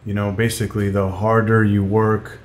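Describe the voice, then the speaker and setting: Low-voiced middle-aged man, unhurried. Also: level tone. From Glendale, California. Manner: unhurried, many fillers and restarts. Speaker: podcast guest, sales coach. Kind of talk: casual interview.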